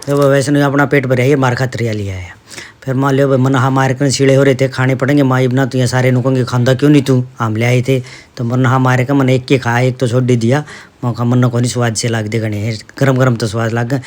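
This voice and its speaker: A middle-aged man chats through his everyday family vlog. He keeps pointing things out to the viewer in a homely, easygoing manner. His voice sits at an ordinary middle pitch. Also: flat delivery, fairly quick, darkish tone. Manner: chatty, homely, addresses viewers with "dekho". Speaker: vlogger, father. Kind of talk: casual vlog narration.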